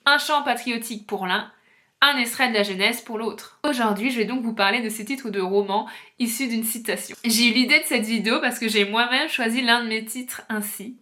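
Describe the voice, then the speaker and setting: Woman author hosting a book video: fairly high, bright, crisp voice, explanatory delivery with some hesitations. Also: moderate pace. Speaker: novelist and book video host. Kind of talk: informative book-talk video.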